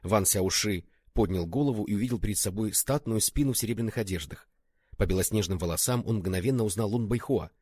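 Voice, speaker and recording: A man narrating an audiobook in a steady storytelling manner. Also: on the low side, fast, husky, no echo, studio quality.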